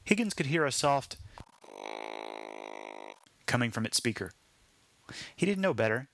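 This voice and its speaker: A man narrating his own short story in a wry, deadpan storytelling manner. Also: medium pitch, measured pace.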